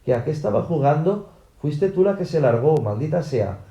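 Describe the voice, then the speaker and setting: A man voicing an angry middle-aged father who yells in a raised, strained voice, in a roomy-sounding recording. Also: mid-range voice, moderate pace, lightly acted. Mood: furious shouting. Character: furious shouting father, middle-aged man, then tearful. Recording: roomy echo.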